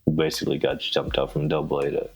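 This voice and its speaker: A man co-hosting a podcast, chatting casually and excitedly about his team, bragging with frequent laughs. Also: rumbling low, quick pace, breathy edge, faint music behind, rough recording. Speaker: podcast co-host. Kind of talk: casual sports chat.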